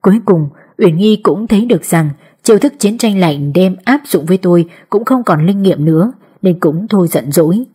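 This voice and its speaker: Husky low-voiced woman narrating a story. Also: lively intonation, normal speed, few pauses, mellow. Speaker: audiobook narrator. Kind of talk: scripted narration.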